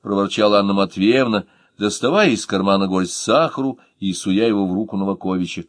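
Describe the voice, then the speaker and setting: A man narrating an audiobook in a calm, measured way. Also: fairly low pitch, no echo, clean studio sound.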